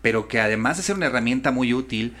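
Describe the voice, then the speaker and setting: A man's voice: mid-range voice, lively intonation, fast talker, fairly bright tone. Man, voice coach, casual talk, thoughtful, restarts often. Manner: thoughtful, searching for words with restarts. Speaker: voice-over artist and voice coach. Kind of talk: casual conversation.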